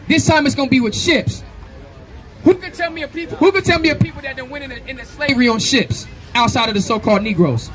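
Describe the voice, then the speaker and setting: Man, street preacher, very high strained voice, very fast talker, cuts in, city street corner, crowd noise behind. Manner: preaching loudly, cutting in, calling for verses. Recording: street clip with loud crowd.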